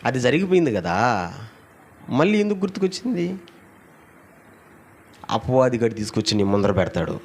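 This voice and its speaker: A middle-aged man preaching a Sunday sermon, calling out to the congregation for responses, firing off rhetorical questions and swinging between loud exclamations and low asides. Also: sing-song, normal speed, pauses often. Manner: asks the audience many rhetorical questions. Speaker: pastor.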